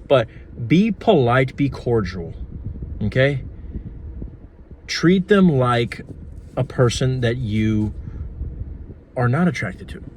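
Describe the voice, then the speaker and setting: A man's voice: mid-range voice, slow, pauses often, a little hiss or hum. Guy ranting advice on camera, swears a lot, blunt, casual. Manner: blunt, profane, animated. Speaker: manifestation coach.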